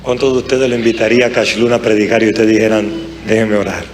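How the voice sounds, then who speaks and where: A man's voice: fairly low pitch, steady tone, quick pace. Impassioned male preacher over music. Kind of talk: live sermon. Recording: sermon with music behind.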